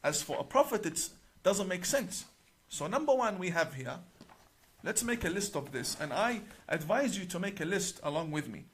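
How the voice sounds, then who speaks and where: Emphatic man, slightly high voice. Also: big pitch swings, slight background noise. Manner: deliberate, emphatic, citing page by page. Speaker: religious cleric. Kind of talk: explanatory talk to camera.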